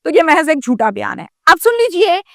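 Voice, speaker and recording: A woman's voice: very high voice, big pitch swings, gravelly, fairly bright tone, no room sound, studio quality. A woman with a Pakistani Urdu accent narrating a crime case, then lecturing the audience with indignant commentary. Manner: indignant, lecturing, addresses the listener directly. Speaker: crime news presenter.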